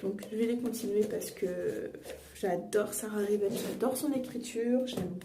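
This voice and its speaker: Here the same beauty-and-books vlogger, a young woman, talks through her makeup routine in a loose, rambling way, correcting herself often and using lots of fillers. She speaks slightly slowly in a mid-range voice with a dark tone. It's recorded in an echoey room with faint noise, with the mic a bit distant.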